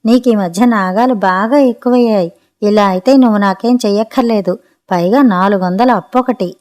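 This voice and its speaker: A woman doing a sharp, scolding housewife. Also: mid-range voice, normal speed, close to an everyday voice. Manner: scolding, curt. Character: sharp-tongued adult daughter, impatient woman.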